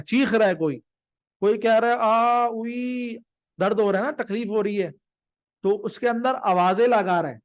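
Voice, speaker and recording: Man, teacher, live grammar lesson, fairly high voice, patient, repeats and checks understanding, dry sound. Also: no echo. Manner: slows to stress each word of definitions.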